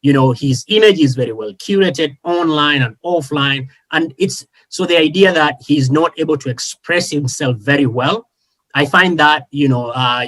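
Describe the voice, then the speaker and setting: A man from Kenya talks as a panelist in a policy discussion. His delivery is earnest and measured, broken by frequent fillers and self-corrections. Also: fairly high pitch, fairly bright tone, husky.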